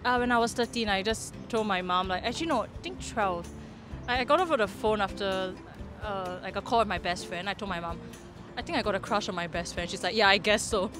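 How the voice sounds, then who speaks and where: A woman's voice: medium pitch, a little fast, music in the background. A Singaporean woman in her twenties telling a story in a breezy way at an outdoor event. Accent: Singaporean English. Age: 20s. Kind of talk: casual interview answers.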